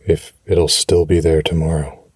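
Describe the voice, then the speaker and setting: A man speaking soothing affirmations for rest in a deep, husky, breathy voice, gently and reassuringly, with unhurried pauses, close to the mic. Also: flat delivery, no echo. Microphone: close, dry microphone.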